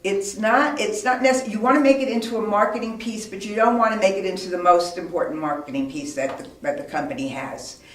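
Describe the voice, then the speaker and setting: A woman's voice: medium pitch, fairly quick, few pauses. A woman giving an informal instructional talk as a business owner, offering practical advice in an emphatic way. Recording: roomy, echoey, distant microphone.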